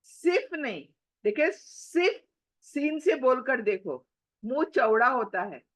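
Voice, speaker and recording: A woman teaching tajweed, repeating each word slowly and mixing English words into her Hindi. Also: sits high, sing-song, a bit bright. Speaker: Quran recitation teacher. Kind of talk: slow tajweed pronunciation lesson.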